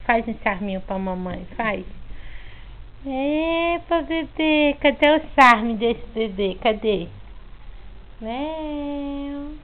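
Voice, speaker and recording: A woman talking baby talk to her pet in a sing-song, cooing voice. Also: sits high. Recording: tinny phone-like audio, faint noise.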